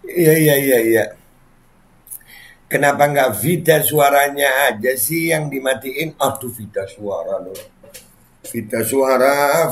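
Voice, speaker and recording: A man chatting casually as he reads viewer comments aloud and reacts to them with frequent exclamations. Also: mid-range voice.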